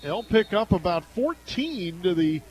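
An American man does live radio play-by-play for a football game, tracking each play in terse sports-commentary phrasing. His voice is fairly high for a man, very animated yet measured in pace and a little mellow, with soft music in the background.

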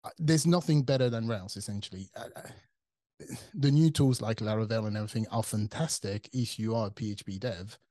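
A man in his forties from France, CTO of a tech company, talks fairly quickly in a warm, lowish voice with a French accent. The studio sound is clean with no echo, and he speaks casually as a guest, thinking aloud with fillers and restarts.

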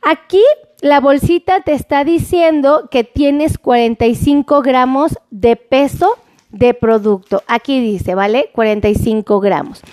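Brief: Mexican woman, middle-aged, high bright voice, chatty live-stream host who loves repeating herself. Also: dry recording. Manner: chatty, greets viewers by name, repeats phrases. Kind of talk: casual live-stream chat with viewers.

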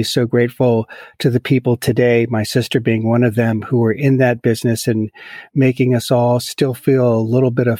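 A man's voice: mid-range voice, a little mellow, no room sound, clean studio sound. A man hosting an interview podcast, talking in a friendly, chatty way with some restarts. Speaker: podcast host. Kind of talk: casual interview chat.

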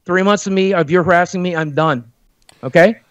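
A man's voice: sits high, a little fast, a bit bright, no echo. A man in a heated call-in argument, furious and profane, repeating threats. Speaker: caller in a heated debate. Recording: muffled dry call audio.

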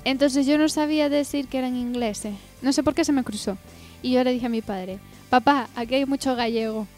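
A woman co-hosting a casual podcast, reading out listener messages and telling her own anecdotes in a relaxed way. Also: high voice, a little fast, faint music behind. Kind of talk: casual chat and reading aloud.

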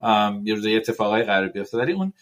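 A podcast host, talking casually and thoughtfully, pausing often with fillers and dropping in English words. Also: male voice, lowish voice, big pitch swings. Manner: thoughtful, rambling with many fillers and English loanwords.

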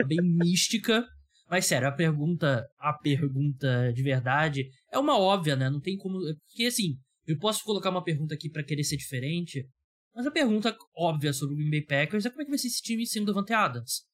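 A man's voice: on the high side, animated, a little fast. A Brazilian man hosting a sports podcast in casual, joking, self-deprecating chat. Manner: informal, jokey, self-deprecating. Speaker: podcast host.

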